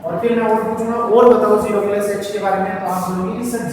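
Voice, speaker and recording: A man teaching a maths lesson online, often asking students if they understand. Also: high-pitched. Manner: repetitive, keeps checking understanding. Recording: echoey room, distant mic, noisy.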